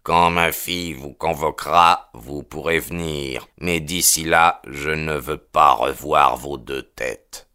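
A man reading an audiobook, voicing a stern old farmer and protective father in a low, slow, grim manner. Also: steady tone, bright, forceful tone, clean tone, full character voice.

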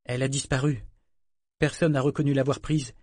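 A man's voice: mid-range voice, flat delivery, fairly quick, darkish tone, dry recording, studio quality, pitched above the performer's own voice, natural voice. A man voicing an anxious fourteen-year-old boy who speaks earnestly and pleads with his father.

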